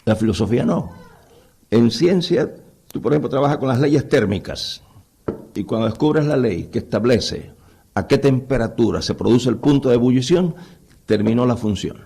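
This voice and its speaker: A man's voice: medium pitch, animated, normal speed, gravelly, dark tone, breathy edge. A man lecturing on the Bible to a live audience in a conversational way, often putting rhetorical questions to his listeners.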